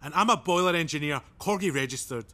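Brash Scottish tradesman in his twenties, high, bright-edged voice. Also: animated, quick pace. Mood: blunt. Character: cocky young Scottish boiler engineer. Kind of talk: sitcom acting.

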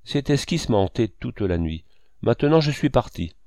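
A man voicing a gruff, feverish painter in a novel, brusque and impatient. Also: medium pitch, sing-song, moderate pace, a little mellow, dry recording, clean studio sound.

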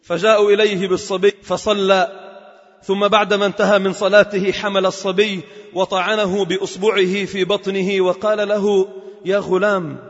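A man's voice: sits high, level tone, normal speed. A man giving a Friday sermon in a mosque, telling a story dramatically and drawing out phrases for emphasis. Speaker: preacher. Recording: dull lo-fi recording with long mosque reverb.

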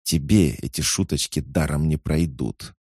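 A man voicing an angry, sharp-tongued young woman mage who speaks in accusing, threatening tones. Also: rumbling low, a little slow, breathy edge, no echo, studio quality, heavily acted. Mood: cold.

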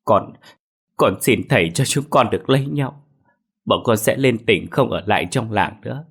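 A man's voice: fairly low pitch, animated, normal speed, gravelly, husky, heavily acted. A man voicing a desperate young daughter who begs her father through tears. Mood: begging. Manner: begging, tearful.

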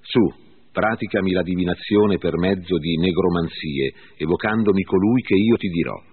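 A man's voice: low-pitched, normal speed, slightly rough. A man voicing Saul, a troubled ancient king, in an earnest pleading reading. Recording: phone-like lo-fi with faint music.

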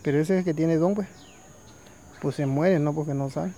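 A man's voice: a little high, normal speed, mellow, a little hiss or hum. A man telling traditional folk tales in a loose, conversational way, full of fillers. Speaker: storyteller. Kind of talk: oral folk storytelling.

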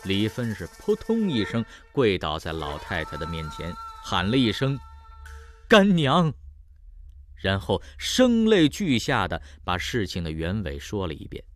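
A man's voice: low-pitched, very animated, normal speed, hardly any pauses, faint music behind. A man narrating a traditional tale in a dramatic style, voice rising and falling with the action. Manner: dramatic, swelling rises and falls. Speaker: storyteller. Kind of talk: traditional Chinese storytelling narration.

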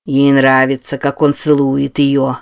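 A man's voice: medium pitch, monotone, unhurried, gravelly, smooth. A man voicing a sly droning bull-mask oracle. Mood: sly, mocking.

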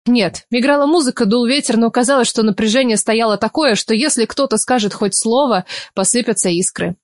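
Expressive woman reading a novel aloud. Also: fairly high pitch, fairly quick, dry recording, clean studio sound. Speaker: audiobook narrator. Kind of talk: first-person novel narration.

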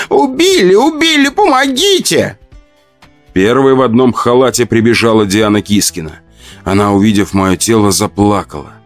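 Low-voiced man narrating horror. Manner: expressive, acts out shouts and laments. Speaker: audiobook narrator. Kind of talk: dramatic first-person horror narration.

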